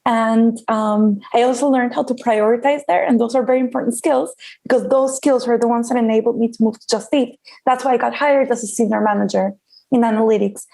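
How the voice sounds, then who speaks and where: Gravelly-voiced woman from Costa Rica. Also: fairly high pitch, steady tone, fairly quick, dark tone. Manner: chatty, frequent ums, laughs easily. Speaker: guest. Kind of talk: casual interview.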